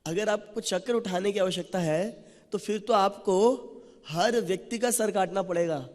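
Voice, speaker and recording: A man voicing a gentle, saintly man who pleads slowly and earnestly for mercy, speaking his lines within a sermon. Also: high voice. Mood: pleading. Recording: long reverb of a large hall.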